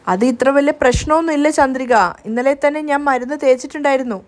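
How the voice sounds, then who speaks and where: A woman reading out a steady, gentle young man in a spoken story recap. The voice stays high and light and speaks softly to comfort someone. It keeps an even, reassuring manner. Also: quick pace, natural voice.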